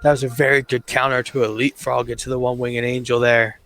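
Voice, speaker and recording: A man hosting a podcast, calling toy figure wrestling matches play-by-play with drawn-out match calls. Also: medium pitch, flat delivery, fairly bright tone, faint music behind. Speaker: podcast host and commentator.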